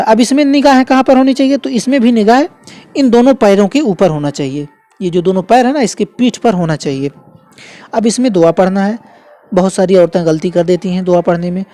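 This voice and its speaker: Mellow-voiced man teaching step by step. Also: sits high. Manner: patient, repeats key phrases slowly. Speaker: religious instructor. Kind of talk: instructional demonstration.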